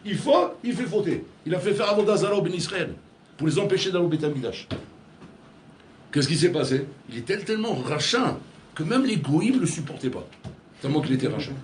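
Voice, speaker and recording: Man, rabbi, lively sermon, words, fairly high voice, echoey room. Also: fairly quick, slight background noise. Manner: storytelling with acted dialogue, swings between loud and hushed. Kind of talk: animated sermon. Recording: echoey room with faint ambience.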